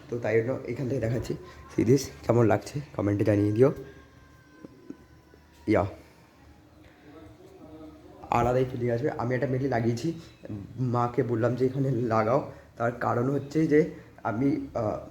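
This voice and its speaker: The speaker is a male vlogger walking around and showing his home, chatting casually and dropping English fillers as he rambles. He has a mid-range, slightly mellow voice, with a bit of background noise behind him.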